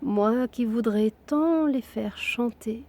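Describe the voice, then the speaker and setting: Slow, mellow woman reading literature aloud. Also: fairly high pitch. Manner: hushed, intimate delivery that drops into whispers. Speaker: reader of a literary text.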